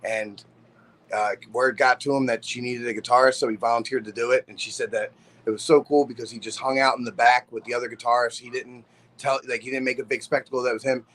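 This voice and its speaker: A man's voice: mid-range voice, little pitch movement, fast, a bit bright, rough recording. A man co-hosting a podcast, telling a story casually with hesitant restarts.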